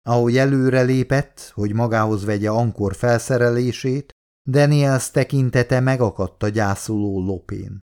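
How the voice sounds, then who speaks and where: A man narrating an audiobook in a steady, measured reading voice. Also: mid-range voice, clean tone. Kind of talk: scripted narration.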